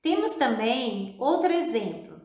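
Lady teacher doing a video class for kids, spells things out slow, kinda high voice, roomy echo. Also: very animated, darkish tone. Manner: slow, drawn-out, encouraging, often repeating and spelling out syllables. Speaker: primary school teacher. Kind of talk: recorded video lesson for children. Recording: echoey room.

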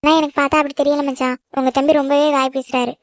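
A woman voicing a feisty, very fast-talking schoolgirl. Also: high-pitched, flat delivery, no echo, clean studio sound, lightly acted. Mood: polite. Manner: protesting, sharp-tongued. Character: feisty quick-tongued schoolgirl. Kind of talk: cartoon voice acting.

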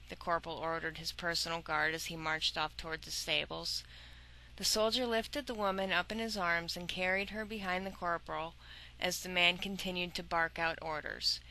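A woman narrating a novel aloud in a steady, even storytelling manner. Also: fairly low pitch, low-quality recording. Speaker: audiobook narrator.

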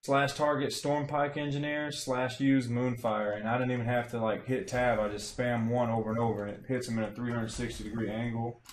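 Speaking a little fast with few pauses, a young man in a mid-range voice streams from his echoey home room. He casually explains a game farm as a guide, relaxed and rambling, leaning on lots of filler words.

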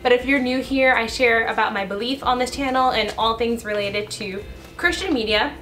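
A young woman, a vlogger and YouTuber talking fast and chattily to her viewers. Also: on the high side, fairly bright tone. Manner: fast, chatty, laughing asides. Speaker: YouTuber and blogger. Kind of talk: casual vlog commentary.

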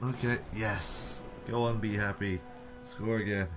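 A man's voice: on the low side, steady tone, unhurried, music in the background. A young man giving casual, sarcastic running commentary over a car-football game, mocking himself and his teammates. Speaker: gaming YouTuber.

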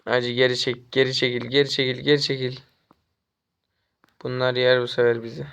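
A young man from Turkey commentating his own mobile game as he plays, taunting and trash-talking the enemy and getting excitable during chases. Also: medium pitch, normal speed, gravelly, smooth. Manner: excitable, jumps up when chasing. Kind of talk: live gameplay commentary.

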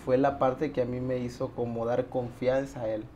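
A young man from Honduras talks easily as an interview guest, speaking of his barber work in a loose, friendly way. His voice sits at an ordinary middle pitch. He is recorded on a lapel mic in a curtained studio, with a faint hum behind him. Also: moderate pace. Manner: relaxed, says "brother" and "¿sabes?" often. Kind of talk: casual interview chat.

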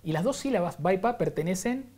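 A man's voice: high voice, expressive, fairly quick, darkish tone. A man with a Rioplatense Spanish accent, explaining science as an interview guest, teaching with examples and frequent rhetorical checks. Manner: didactic, uses examples and rhetorical "¿no?".

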